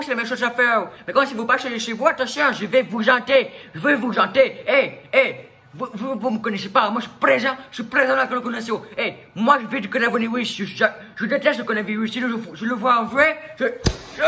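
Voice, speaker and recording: A brash, quick-tempered working-class woman, played by a man, who is a manicurist. She snaps back with threats and bragging in a very high, bright voice. Her talk is combative and boastful throughout. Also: heavily acted. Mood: chatty. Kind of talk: comedic sketch monologue.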